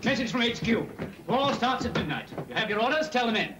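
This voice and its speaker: An actor playing a brisk young army officer, giving orders in a clipped, jaunty manner, from a noisy old film soundtrack. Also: male voice, extremely high pitch, animated. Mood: briskly commanding.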